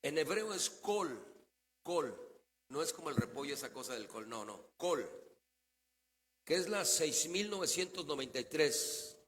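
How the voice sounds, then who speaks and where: A man preaching a sermon as pastor, asking rhetorical questions and answering them himself, shifting between quiet asides and loud declarations. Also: on the high side, very animated, moderate pace, hardly any pauses, in a large hall. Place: church sanctuary.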